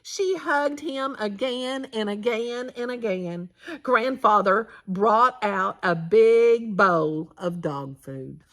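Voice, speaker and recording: A woman reading a children's picture book aloud at storytime, with slow, clear storytelling. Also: fairly high pitch, fairly bright tone. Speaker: storytime reader.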